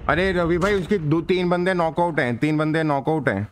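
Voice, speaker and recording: A man's voice: on the high side, normal speed, a little hiss or hum. Man giving urgent team callouts. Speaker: gaming livestream host. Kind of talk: casual gaming chat and callouts.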